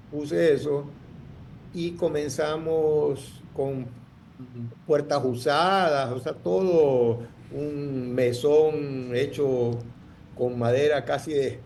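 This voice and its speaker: A guest entrepreneur, a man with a mid-range, somewhat dark voice, tells his story in an interview over a faint hiss or hum. He rambles, restarting often and leaning on fillers.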